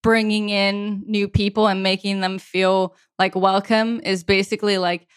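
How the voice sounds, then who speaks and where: Woman, podcast guest, easygoing chatter full of "like", laughs a lot, mid-pitched, bone-dry close mic. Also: level tone, measured pace, clean tone, no room sound. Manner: chatty, laughs often, many "like" fillers. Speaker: podcast guest, software developer. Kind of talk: casual podcast chat.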